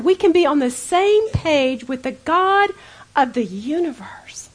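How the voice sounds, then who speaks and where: A middle-aged woman giving an earnest, conversational Bible teaching to a group of women, speaking directly to her listeners. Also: high-pitched.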